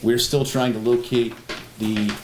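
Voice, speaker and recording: In an indoor public meeting room, a man chairs a town board meeting and gives a report, speaking at a medium pitch and a measured pace with little pitch movement. The recording echoes, and background noise is clearly audible.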